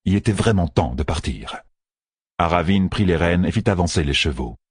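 A man narrating a fantasy audiobook with expressive, dramatic storytelling. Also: low-pitched, normal speed, breathy edge, no room sound, clean studio sound.

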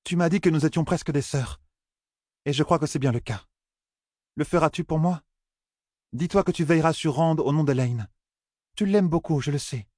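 Male reader as a warm-hearted young heroine, gentle, pleading, raised pitch. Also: normal speed, long pauses, no echo, studio quality, close to an everyday voice. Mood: coaxing. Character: gentle, persuasive young woman, a friend.

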